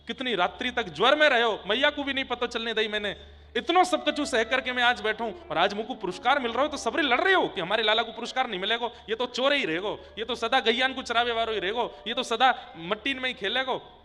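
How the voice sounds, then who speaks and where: A man's voice: very high voice, expressive, fairly quick, bright, forceful tone, heavily acted. A male preacher voicing the young boy god Krishna, hurt and stubborn, speaking. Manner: pleading, reproachful storytelling voice. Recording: long hall reverb with faint music.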